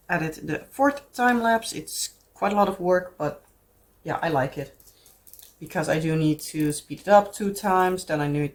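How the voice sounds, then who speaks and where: A low-pitched Dutch-accented woman from the Netherlands, a craft vlogger, chats casually to the camera. She's talkative and rambling, with many fillers and restarts.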